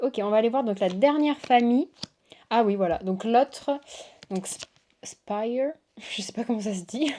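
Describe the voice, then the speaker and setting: Gushing woman unboxing cards, mellow voice. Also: on the high side. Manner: gushing, exclamatory, lots of waouh and oh là là. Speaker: tarot reader and channel host. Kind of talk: casual unboxing chat to viewers.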